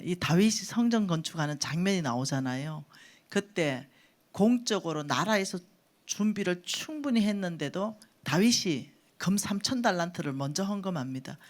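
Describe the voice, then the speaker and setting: A woman church elder, preaching a storytelling sermon, acting out her own thoughts and laughing as she tells the stories. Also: fairly low pitch. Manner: animated, acts out her own quoted thoughts; laughs while telling stories.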